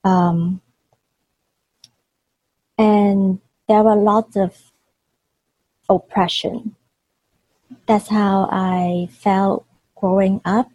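A woman speaks as a podcast guest, hesitant and full of pauses. Her voice is mellow and a bit breathy, her pace unhurried. The sound is dry and close. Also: medium pitch, flat delivery, no room sound, poor audio. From Hong Kong. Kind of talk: casual interview talk.

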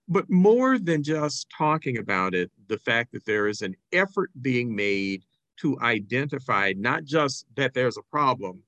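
A man answering as a podcast guest over a remote call, speaking in a measured, deliberate way and often quoting what others have said. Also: mid-range voice, fairly bright tone, no echo.

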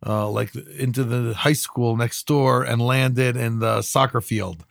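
A man's voice: medium pitch, slow, vocal fry, no echo, studio quality. A man of about fifty from Israel co-hosts a podcast. He tells personal stories casually, repeating words as he goes, in a mid-range voice with very little room sound. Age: around 50. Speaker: podcast co-host and emergency responder.

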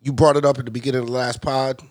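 A man in casual podcast chat, hyped and quick to agree and riff. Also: mid-range voice, level tone, darkish tone, no echo, clean studio sound. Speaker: podcast co-host.

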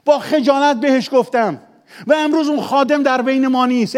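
An older man with a Persian accent, a pastor preaching a sermon, shifting between emphatic raised passages and quiet confessional asides. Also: very high-pitched. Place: church, at the pulpit.

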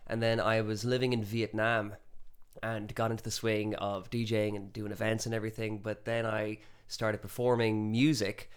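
A man's voice: on the low side, level tone, moderate pace, smooth. A man with a west of Ireland accent, chatting casually and enthusiastically as an interview guest, telling stories in Irish turns of phrase. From Galway, west of Ireland. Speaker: interview guest, musician and performance poet.

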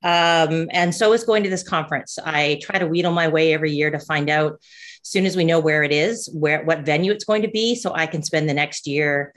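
A woman's voice: deep voice, moderate pace. A woman who coaches and hosts a podcast, talking casually with many fillers and restarts. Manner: rambling with frequent fillers and restarts. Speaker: ADHD coach and podcast host. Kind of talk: casual conversational chat.

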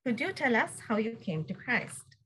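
A woman's voice: fairly high pitch, very animated, normal speed, bright, forceful tone, husky, poor audio. A woman interviewer reading a prepared introduction of a guest for a podcast.

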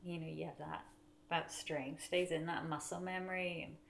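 A low-voiced woman with a north-western Irish accent from Donegal. She chats in an easy, self-deprecating way, with noticeable creak in her voice, like someone swapping stories as an interview guest. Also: steady tone, normal speed, slight background noise. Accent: Donegal, north-west of Ireland. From Donegal, Ireland. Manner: chatty, self-deprecating, often laughs while talking. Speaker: interview guest, mountain runner. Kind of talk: casual chat, telling race stories.

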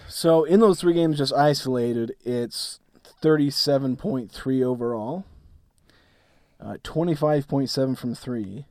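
Sick male co-host in his 20s, rough deep voice, deadpan, dry close mic. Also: a little slow, no echo. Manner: dry self-deprecating humor. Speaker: podcast co-host. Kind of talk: casual sports podcast chat.

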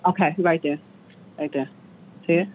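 A woman's voice: deep voice, steady tone, moderate pace. A middle-aged woman heard through a phone line, partly on speakerphone, talking hesitantly as a customer who is unsure with computers. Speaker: customer on a support call. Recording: tinny phone line with faint noise.

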